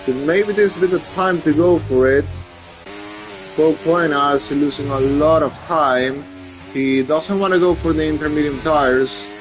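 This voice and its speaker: A man's voice: fairly high pitch, normal speed, faint music behind, low-quality recording. A man commentating live on a motor race as a motorsport commentator. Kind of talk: live sim racing commentary.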